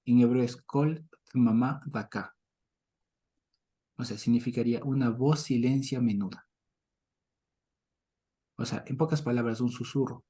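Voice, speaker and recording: A middle-aged man giving an informal Bible teaching, conversational and chuckling often, who checks in with his listeners and swings between loud mock preaching and soft murmurs. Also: mid-range voice, steady tone, measured pace, long pauses, slightly rough.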